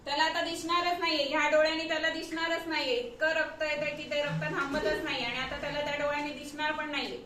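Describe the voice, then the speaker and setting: High-voiced woman teacher in an echoey classroom. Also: flat delivery, quick pace, few pauses. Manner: urgent, coaxing, scolding children. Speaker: preschool teacher. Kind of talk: staged classroom awareness skit. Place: preschool classroom. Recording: echoey room, far from mic, noisy.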